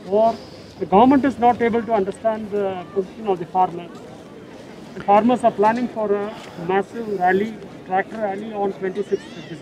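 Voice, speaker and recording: A man asking an interview question in a halting way, restarting mid-sentence. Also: high voice, rough recording. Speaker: reporter. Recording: crowd noise behind.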